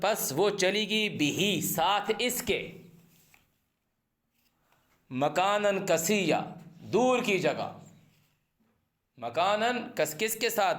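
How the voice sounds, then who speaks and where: A man with a high voice teaches a Quran lesson word by word. He recites each Arabic phrase and then explains it plainly in Urdu, often questioning the printed translation. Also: fairly bright tone.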